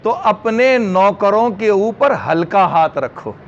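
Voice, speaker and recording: High-voiced emphatic Pakistani preacher. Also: male voice, animated, slow. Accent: Pakistani Urdu. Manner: emphatic, repeats phrases and asks rhetorical questions. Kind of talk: religious sermon. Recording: dull lo-fi recording.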